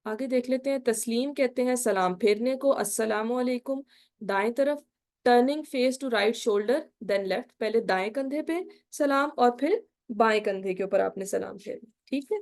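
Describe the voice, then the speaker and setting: Woman, religion teacher, fairly high voice, asks questions, careful slow recitation. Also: a little mellow. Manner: quizzing listeners with repeated "ٹھیک ہے؟" checks. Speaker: Islamic studies teacher. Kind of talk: online lecture on prayer.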